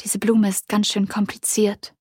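A gentle, wondering little boy prince, as a woman reads him, soft and earnest. He speaks quietly and slowly in a dry, close recording. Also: medium pitch, completely flat delivery, slightly rough, no room sound. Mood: musing.

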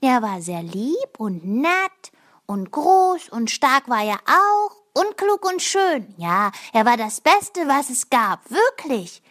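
A woman's voice: sits high, sing-song, slow pace, a bit bright, pitched above the performer's own voice, heavily acted. Woman doing chattering boastful little creatures. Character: tiny boastful house creatures, cheerful know-it-alls. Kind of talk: storybook reading.

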